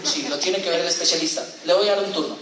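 A Colombian man voicing a calm male clinic doctor who works through routine intake questions, in a stand-up routine. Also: high-pitched, quick pace, very noisy, pitched below the performer's own voice, close to an everyday voice. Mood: unhurried. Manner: calm, routine, form-filling. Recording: very echoey hall, mic from a distance.

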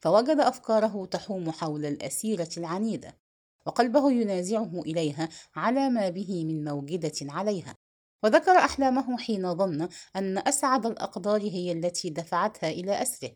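Woman audiobook narrator, expressive storyteller, lively pitch, scripted novel reading. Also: fairly quick.

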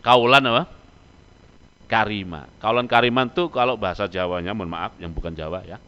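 A man's voice: on the low side, normal speed, clear, resonant tone, highs cut off. A man preaching a sermon, quizzing his listeners with rhetorical questions and answering them himself. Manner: animated, rhetorical questions to the audience. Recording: long hall reverb.

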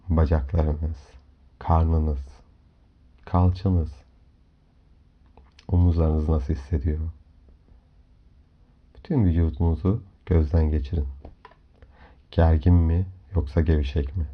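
Very low-voiced man guiding a soft meditation. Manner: calm, soothing, measured instructions with pauses. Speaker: guided hypnomeditation host. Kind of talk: slow guided meditation narration. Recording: dull lo-fi audio under music. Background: clear background music.

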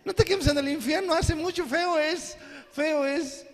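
A preacher acting out a bumbling churchgoer. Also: male voice, very high-pitched, a little slow, pitched above the performer's own voice. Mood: flippant. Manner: rambling, stammering, jokey invitations. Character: bumbling male churchgoer inviting people flippantly. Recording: long hall reverb.

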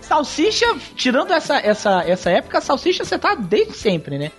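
High-voiced podcast host man. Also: wildly swooping pitch, moderate pace, soft background music. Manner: laughs easily, tells stories with acted quotes. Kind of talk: casual podcast chat.

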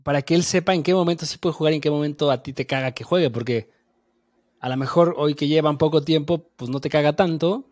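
A man's voice: a little high, fast talker, a little mellow, dry recording, clean studio sound. A man in casual chat, asking long, searching questions with many restarts.

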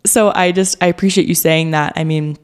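A woman's voice: deep voice, steady tone, fairly quick, smooth. A woman hosting a wellness podcast, talking earnestly in a conversational interview and quoting herself with animation. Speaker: podcast host.

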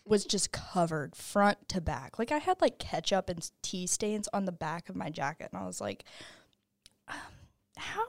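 A young woman co-hosting a casual podcast, telling stories in a chatty, animated way with lots of "like"s. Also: lowish voice, normal speed, creaky, few pauses, no room sound. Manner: chatty, animated storytelling with many "like"s. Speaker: podcast co-host. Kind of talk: casual chat.

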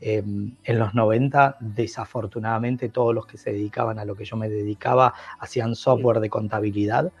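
A middle-aged Brazilian man who speaks Portuguese appears as a podcast guest in a casual interview, talking with enthusiasm and rambling as he keeps restarting his sentences. His voice sits on the low side and sounds husky, with fairly even intonation, a moderate pace, and hardly any pauses. The recording is muffled.

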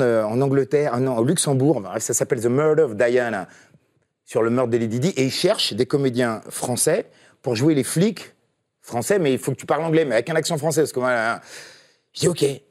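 A man's voice: medium pitch, a little mellow. A man, a voice actor, telling anecdotes in a casual, rambling way with many hesitations. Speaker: voice actor guest.

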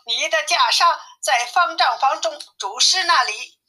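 A woman's voice: high-pitched, unhurried, pushed and bright, voice pushed up, heavily acted. A woman voicing a group of frightened male monks who plead and panic. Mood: panicked. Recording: tinny phone-like sound.

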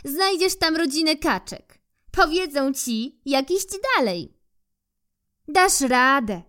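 A woman voicing an eager, persistent female squirrel in a children's storybook reading, in a high, bright, coaxing voice. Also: expressive, slow, full character voice. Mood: encouraging.

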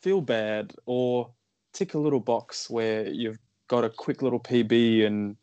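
A man's voice: mid-range voice, a little slow, warm tone, smooth, dry recording, muffled recording. A man giving his opinions on running in a casual podcast chat, rambling and using "like" a lot. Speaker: runner guest.

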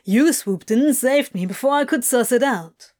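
A woman voicing a sleepy, grumbling male demon who talks in a slow, drowsy drawl. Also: fairly high pitch, animated, a little mellow, close to an everyday voice. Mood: insistent.

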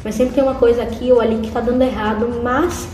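A woman's voice: a little high, fairly even intonation, quick pace, warm tone, echoey room, faint music behind, rough recording. A woman in her twenties with a Brazilian Portuguese accent, a YouTuber guest talking in a friendly way and using lots of diminutives. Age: 20s. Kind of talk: casual podcast interview.

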